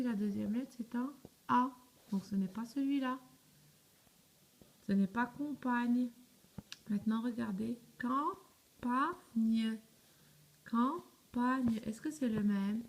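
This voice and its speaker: A young woman speaking slowly and patiently, walking young children through a spelling lesson letter by letter. Her voice is mellow and a little high, and she keeps asking questions and then answering them herself. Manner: spells words letter by letter, often checks "d'accord?". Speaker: primary school teacher. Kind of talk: slow step-by-step spelling lesson.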